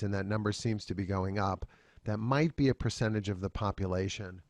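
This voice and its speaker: Male seminar lecturer, low voice, dry close sound, deadpan jokes between slides. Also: no echo. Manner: dry joking asides. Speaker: continuing education lecturer.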